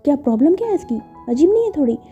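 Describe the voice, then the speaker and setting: An eager, chatty young man who likes to judge others, put on by a woman telling a story. The voice sits higher than her own, with a mellow, dark tone. The recording is muffled and lo-fi, with faint music underneath. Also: sing-song, rapid-fire. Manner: pushy and gossipy.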